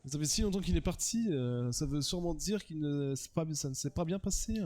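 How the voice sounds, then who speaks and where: A man's voice: on the high side, animated, brisk, darkish tone, lightly acted. A man voicing a whiny male desert merchant who complains and hesitates.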